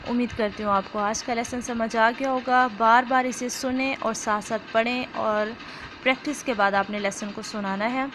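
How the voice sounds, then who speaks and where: A woman with an Urdu accent teaching an online lesson, reciting phrases slowly and then explaining pronunciation step by step. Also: fairly high pitch, steady tone, a bit bright, slight background noise. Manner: slow drawn-out recitation, then brisk explanation.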